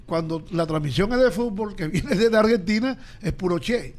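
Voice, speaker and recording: High-voiced Colombian coastal man chatting. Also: normal speed. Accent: Colombian Caribbean coast. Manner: animated, rambling, laughs often. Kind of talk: casual sports chat.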